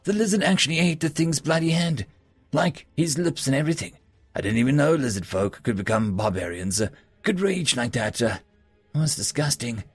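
A man's voice: mid-range voice, expressive, brisk, husky, dry recording, faint music behind, pitched above the performer's own voice. A man voicing a roguish, charming male halfling in a story, chatty and gallant with small hesitations. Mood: confiding, disgusted.

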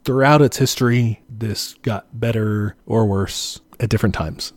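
A low-pitched man talks through history at an easy, conversational clip, leaning on casual fillers as he explains. The sound is dry and close, with no room around it. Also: unhurried, no room sound. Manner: relaxed, explanatory, peppered with "like" and "you know". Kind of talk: casual podcast chat.

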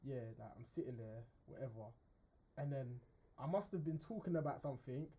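A man's voice: medium pitch, fairly quick, mellow, slightly rough. A man, chatting as a podcast co-host and telling a story full of slang. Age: 20s. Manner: storytelling, slangy, keeps asking "do you understand". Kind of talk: casual chat. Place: studio.

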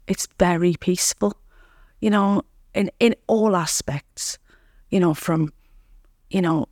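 A woman's voice: on the low side, slow, a little mellow, no room sound, studio quality. A woman guest on a podcast, telling her recovery story earnestly and reflectively, often repeating words and saying "you know". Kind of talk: candid recovery interview.

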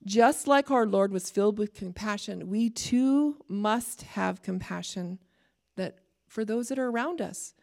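A middle-aged woman from Canada with a Canadian accent, a chaplain giving a sermon in a conversational way with warm asides and light laughter. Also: mid-range voice, measured pace, gravelly. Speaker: chaplain and preacher.

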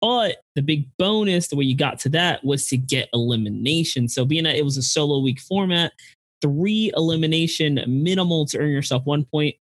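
A man's voice: fairly high pitch, expressive, moderate pace, no echo. A man co-hosting a casual podcast, explaining rules step by step. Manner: explanatory, breaks down details with restarts. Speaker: podcast co-host.

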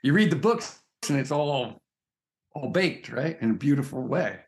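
A man's voice: medium pitch, expressive, moderate pace, gravelly. A man speaking as a spiritual teacher in an interview, earnest and emphatic, often checking in with "right?". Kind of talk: reflective conversation.

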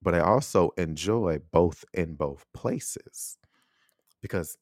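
A low-pitched American man speaking alone into his podcast mic. He muses aloud in a loose, reflective way, tossing in "right?" to keep listeners with him. The sound is dry and close, with almost no room around it. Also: takes it slowly, a little mellow, dry recording. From United States. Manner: reflective, conversational, frequent rhetorical "right?". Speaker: podcast host. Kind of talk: solo podcast monologue.

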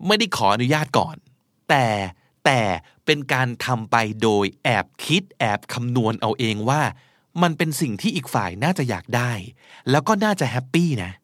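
A man teaching English vocabulary and idioms, acting out example lines in English with animated delivery. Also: mid-range voice, moderate pace, no echo, studio quality. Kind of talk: vocabulary lesson.

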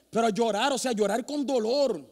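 Pastor guy, really high voice, tells stories on himself, lots of restarts, big echoey church. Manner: animated, self-mocking storytelling with many restarts. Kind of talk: storytelling sermon. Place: church sanctuary. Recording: long hall reverb in a church.

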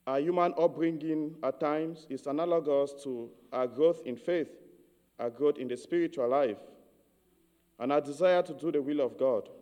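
A man from Cameroon giving a measured, earnest homily as a priest. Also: a little high, mellow, big-room sound.

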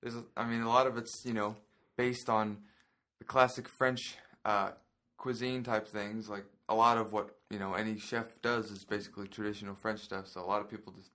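A young man from Indiana who is training as a chef, chatting as a podcast guest in a relaxed, laughing way with lots of hesitations. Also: fairly low pitch, brisk. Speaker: podcast guest, culinary student. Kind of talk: casual chat.

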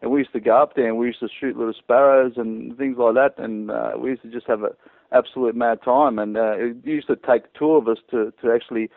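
Chuckling and hesitating, a guest hunter from Croatia rambles through stories in a casual hunting podcast interview, heard over a tinny phone line. He speaks a little fast in a mid-range, gravelly voice with a steady tone and no room sound.

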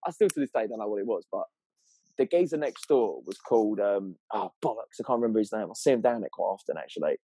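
A man's voice: on the low side, lively intonation, quick pace, dark tone, breathy edge, no room sound, low-quality recording. A man with a southern English accent telling anecdotes in casual, sweary, slangy chat, rambling along in a matey way.

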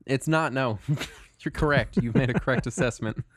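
A man's voice: mid-range voice, moderate pace, no echo. A man, chatting casually as a podcast co-host in a hesitant, rambling way. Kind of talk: casual chat.

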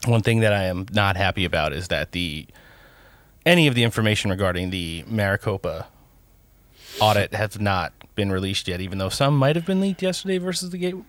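A man's voice: on the low side, expressive, fairly quick, fairly bright tone, no echo. A man hosting a casual talk show, reading sponsor plugs and bantering playfully. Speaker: podcast host.

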